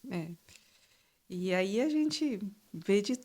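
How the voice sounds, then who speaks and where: A woman's voice: mid-range voice, lively intonation, very slow, a little mellow. Emphatic woman doctor in a podcast talk. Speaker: neurologist guest. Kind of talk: podcast interview.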